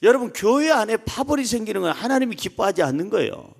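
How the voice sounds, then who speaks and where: A male pastor preaching an animated, joking sermon, swinging between loud calls and soft asides, and leading the congregation in reading aloud. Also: sits high, fast talker, gravelly.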